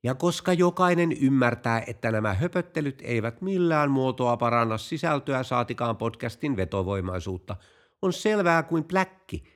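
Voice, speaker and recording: A man's voice: medium pitch, lively intonation. A man hosting a podcast and telling jokes, narrating in a playful, storytelling way. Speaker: podcast host.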